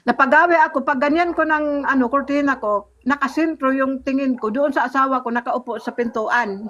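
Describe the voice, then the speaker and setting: Woman with a fairly high voice, giving an earnest church testimony and replaying past conversations. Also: fairly bright tone, dull audio. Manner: earnest storytelling, often pauses and restarts; replays remembered dialogue in a raised voice. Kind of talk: personal faith testimony in conversation.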